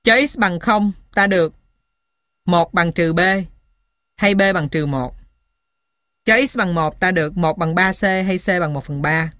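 A woman reading scripted material as dictation, piece by piece, in a measured, matter-of-fact way, like an instructor. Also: fairly low pitch, a bit bright, dry recording, clean studio sound. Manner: dictating symbols and punctuation one piece at a time. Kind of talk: scripted dictation of maths formulas.

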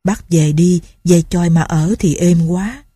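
A woman's voice: fairly low pitch, a little slow, warm tone, breathy edge, no room sound, clean studio sound. A woman voicing an earnest, scheming teenage peasant boy who pleads and reassures. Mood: urging.

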